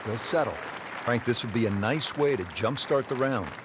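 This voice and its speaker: A man calls live golf as the lead commentator, with a medium-pitched voice and a measured play-by-play delivery. A loud crowd and heavy outdoor noise sit behind him. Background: crowd and outdoor ambience.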